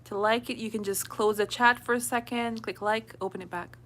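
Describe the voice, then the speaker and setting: A woman's voice: on the high side, fairly even intonation, fairly quick, fairly bright tone. A young woman hosting a casual livestream, chatting with viewers, answering comments and laughing often. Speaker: livestream host. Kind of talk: casual live chat with viewers.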